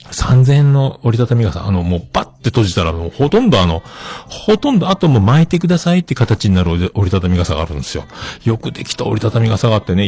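A man with a husky voice, somewhat low and darkish in tone, hosts a show alone. He chats casually and rambles, often joking at his own expense.

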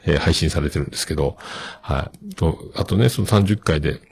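A man's voice: extremely low pitch, a little fast, a little mellow, husky. A middle-aged man hosting a podcast, chatting casually and rambling with many fillers as he reads listener mail. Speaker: podcast host.

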